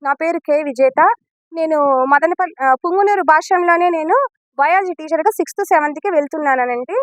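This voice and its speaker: This high-pitched woman, a mother and school biology teacher, speaks to news reporters with no room sound. Earnest and upset, she walks through events step by step and closes her sentences politely.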